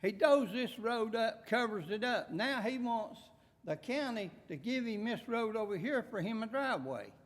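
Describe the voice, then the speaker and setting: High-voiced older man with an Appalachian accent. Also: lively intonation, normal speed. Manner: folksy, plain-spoken, nonstandard rural grammar. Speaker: local resident addressing the court. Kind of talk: public comment at a county meeting. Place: large public meeting room. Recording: echoey meeting hall.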